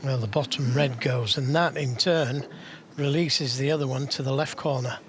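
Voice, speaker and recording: Man, hushed snooker commentary, analytical co-commentator, mid-pitched, measured. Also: fairly even intonation, background noise.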